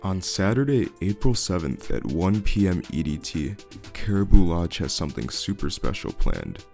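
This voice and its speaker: A man hosting a podcast, reading scripted sponsor announcements in a steady, informative way. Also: low voice, moderate pace, gravelly, soft background music. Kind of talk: scripted ad read.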